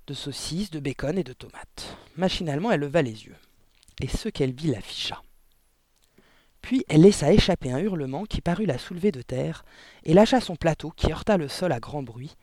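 An expressive audiobook narrator telling a children's story. The reading is animated, with lively shifts in pitch. The recording is dry and close. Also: dry recording.

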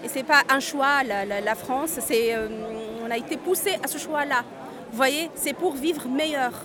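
A high-pitched woman talking at normal speed, she's an undocumented Tunisian migrant in her 40s being interviewed at an outdoor street march. Earnest throughout, she repeats and restarts words often against the crowd's noise.

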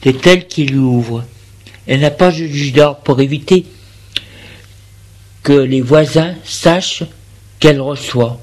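Slow, deliberate male storyteller. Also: a little high, darkish tone. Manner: measured, deliberate narration. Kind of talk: spoken storytelling.

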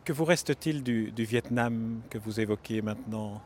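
A man's voice: fairly low pitch, normal speed. A male reporter conducts interviews outdoors at a city station. He asks his questions with frequent small restarts and repeated words. Faint traffic noise sits in the background. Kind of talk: field interview.

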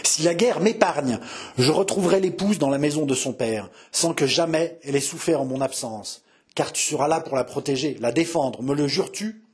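A man's voice: on the high side, moderate pace, darkish tone, natural voice. A man voicing feverish young nobleman François. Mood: solemn urging. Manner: urgent, pleading. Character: young nobleman, eldest son, feverish and passionate. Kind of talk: audiobook reading.

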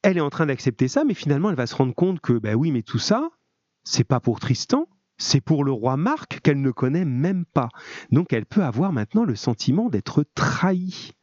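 A man's voice: a little high, sing-song, normal speed, darkish tone, no room sound. A man with a French accent teaching a class online, reading a medieval text aloud and stopping often to explain it in a chatty way. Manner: chatty, interjects with frequent 'hein', reads aloud and comments. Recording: dull, muffled audio.

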